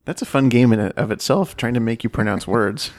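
A man co-hosting a casual podcast, answering word-game questions with quick jokes and playful reactions. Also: medium pitch. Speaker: podcast co-host.

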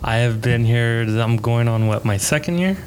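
A man's voice: mid-range voice, normal speed, background noise. A man from San Antonio, Texas, a student success coordinator, talking in an easygoing way with fillers on a college podcast. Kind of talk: casual podcast chat.

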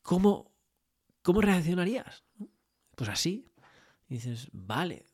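This husky, high-pitched man speaks slowly with a Spain Spanish accent. In his motivational business talk he coaches listeners through many rhetorical and tag questions, telling animated stories with acted-out dialogue.

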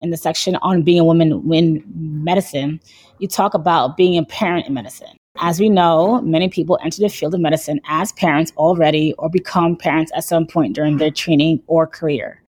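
A woman with a fairly low voice reads a prepared interview question in a measured manner. The recording is close and dry, with no room sound. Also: a little mellow, no room sound. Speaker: medical trainee interviewer. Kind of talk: podcast interview.

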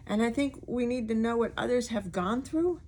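A woman's voice: fairly high pitch, animated, moderate pace, darkish tone, a little hiss or hum. A woman podcast host with a speech impediment on her R's and S's, talking candidly and informally in a rambling personal monologue, acting out remarks she quotes.

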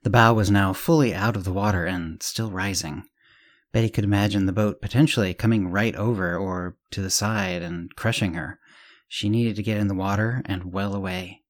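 A man narrating a serialized story as the show's host, at a slightly low pitch. His reading is measured and even, with the odd restart. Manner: measured reading with small self-corrections.

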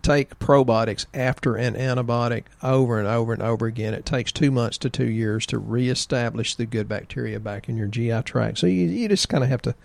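A man's voice: mid-range voice, fairly quick, creaky, hardly any pauses, no room sound. A man casually talking about health in a folksy, joking, rambling way. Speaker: health practitioner co-host.

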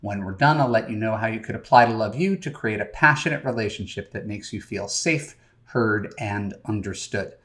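A man's voice: lowish voice, moderate pace, a bit bright. A middle-aged man, a dating coach, hosting a podcast and talking directly to listeners in a conversational way with frequent fillers. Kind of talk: podcast monologue.

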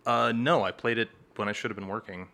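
A man's voice: lowish voice, steady tone, a little fast, vocal fry, bright, forceful tone. A young man guesting on a casual podcast, laid-back and given to dry one-liners.

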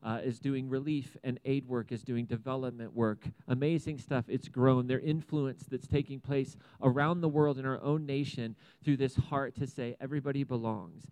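A man's voice: mid-range voice, steady tone, normal speed, hardly any pauses, dark tone, low-quality recording. A man who pastors the church, opening the service in a casual, upbeat way that rambles with restarts before he introduces a guest speaker. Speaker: pastor and host. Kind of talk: sermon introduction.

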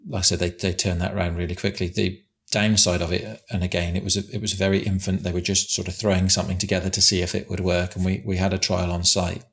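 Here a man who runs a construction site talks fast in a deep voice that barely shifts in pitch, with almost no pauses. He answers interview questions casually and plainly, his big voice frequently restarting and repeating words.

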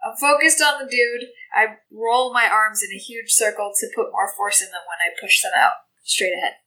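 A woman's voice: medium pitch, fairly even intonation, moderate pace, bright, forceful tone, rough recording. A woman chatting casually as a player in a tabletop game, informal and inquisitive.

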